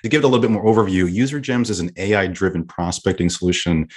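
A man's voice: low voice, fast talker. A man hosting a sales podcast, introducing his guest in an upbeat, enthusiastic way. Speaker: podcast host.

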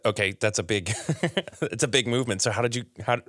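A man's voice: medium pitch, a little fast, fairly bright tone, dry recording, clean studio sound. A man hosting a podcast interview, earnest and enthusiastic, often restarting his sentences. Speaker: podcast host.

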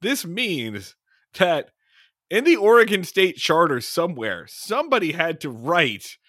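A man co-hosting a comedy podcast, his voice pitched a little high and swinging animatedly up and down. The sound is close and dry as he riffs playfully. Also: very animated, a little slow, fairly bright tone, no echo. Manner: playful, bursts into silly voices. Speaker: podcast co-host. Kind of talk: casual comedic chat.

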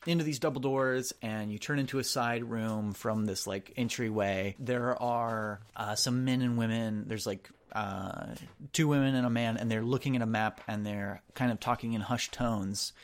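A man's voice: medium pitch, fairly even intonation, normal speed. Male game master, casual and rambling, mid-range voice. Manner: casual, rambling with fillers and restarts. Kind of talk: narrating a tabletop role-playing game.

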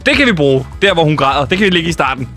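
A man's voice: fairly high pitch, faint music behind. A young man co-hosting a casual comedic chat, dryly steering the bit and summing up the idea. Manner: deadpan, steering the bit, plays the woman's replies. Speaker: podcast co-host.

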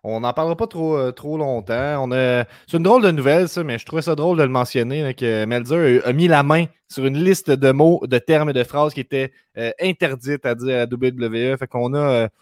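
A man's voice: mid-range voice, no echo, clean studio sound. A man with a Québécois French accent hosting a podcast, reeling off news items in casual chat. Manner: quick news rundown, lists words rapidly. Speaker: podcast host.

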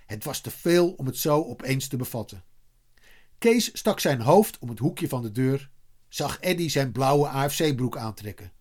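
A man reading a children's story aloud in a lively way, voicing the characters. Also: medium pitch, normal speed. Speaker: narrator.

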